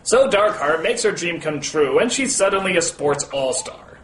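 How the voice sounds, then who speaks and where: A man's voice: on the high side, expressive, normal speed, fairly bright tone, slight background noise. A man hosting a comedic film review, sarcastic and exasperated, prone to outbursts. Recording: echoey room, music behind.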